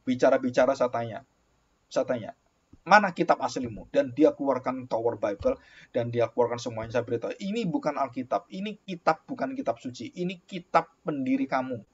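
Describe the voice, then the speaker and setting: Pastor guy preaching, husky voice, acts out the convo, kinda muffled lo-fi recording. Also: medium pitch, lively intonation, a little fast. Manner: storytelling with acted dialogue, exclamatory. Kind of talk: sermon. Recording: dull lo-fi recording.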